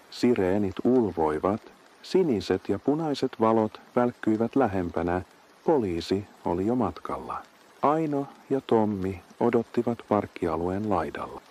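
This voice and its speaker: A man reading a horror story as scripted narration, with a steady, even delivery. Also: lowish voice.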